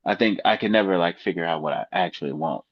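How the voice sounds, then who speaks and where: A man's voice: sits low, fast, breathy edge, dry recording, muffled recording. A man co-hosting a casual podcast chat, rambling and joking, laughing at his own jokes. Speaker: co-host.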